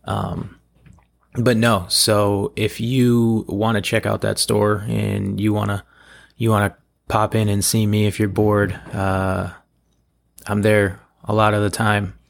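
Gravelly, hoarse man rambling on a podcast. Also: on the low side, flat delivery, takes it slowly. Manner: self-deprecating, loose, digressive. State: hoarse from allergies. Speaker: podcast host. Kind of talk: rambling casual solo podcast talk. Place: at home, in a room below a bathroom.

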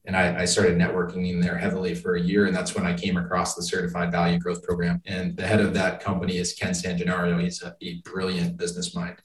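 A low, monotone male voice talks fast with few pauses, a business professional from suburban Boston giving an interview. He answers questions conversationally, explaining as he goes. The room is echoey and the microphone sits at a distance.

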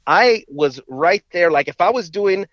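A man's voice: high-pitched, lively intonation, measured pace, fairly bright tone, no echo. A man co-hosting a podcast over a phone call, chatting casually and often repeating his first words. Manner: stammers and repeats words at starts. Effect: heard over a phone call. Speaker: podcast co-host. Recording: dull, muffled phone line.

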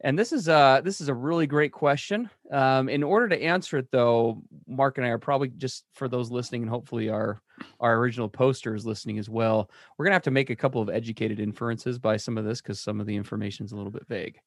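Energetic chatty male podcast host. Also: medium pitch, fast, dry recording, clean studio sound. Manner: energetic, chatty, with restarts and fillers. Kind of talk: casual podcast chat.

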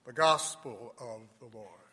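A man, a priest, leading Mass and giving a homily in a measured, deliberate way that softens at the end of phrases, heard with a long cathedral echo. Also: medium pitch, slightly rough. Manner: measured, deliberate, dropping softly at phrase ends. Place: large church.

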